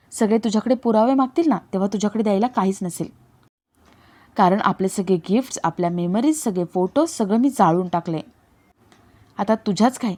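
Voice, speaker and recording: A woman reading a young man's lines in a serial recap, earnest and urging calm. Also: mid-range voice, close to an everyday voice. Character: young man pleading, then coldly denying love. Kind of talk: dramatic read-aloud of serial dialogue.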